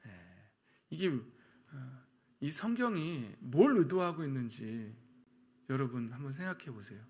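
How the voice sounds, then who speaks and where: Male pastor, middle-aged, animated sermon delivery with acted-out character voices. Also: medium pitch, unhurried.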